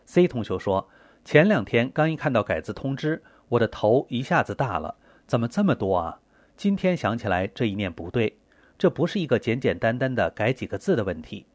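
Male reader with an animated, earnest delivery and a dry, close sound. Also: mid-range voice, brisk, no room sound. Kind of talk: reading aloud a scripted text.

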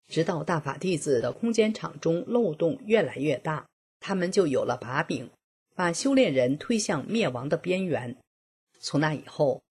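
A middle-aged woman narrating a personal account, reading in a steady, earnest way. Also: deep voice, breathy edge. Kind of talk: scripted first-person reading.

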